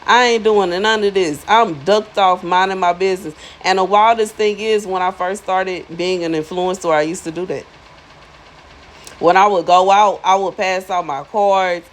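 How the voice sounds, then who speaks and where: A spiritual influencer in her thirties speaks at medium pitch and moderate pace, her intonation fairly even. Chatting casually to viewers, she uses slang, stresses her points, and often repeats herself for effect, captured on a rough recording.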